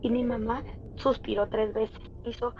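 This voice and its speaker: Appearing as a guest, a woman earnestly shares a personal story in a casual style, frequently addressing listeners directly. She speaks a little slowly with a steady tone on the high side, over very noisy, dull lo-fi audio.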